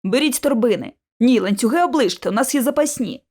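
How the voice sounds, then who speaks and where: A woman reading an audiobook and voicing a decisive young male agency leader who speaks in a low, slowed, commanding way. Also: lively intonation, darkish tone.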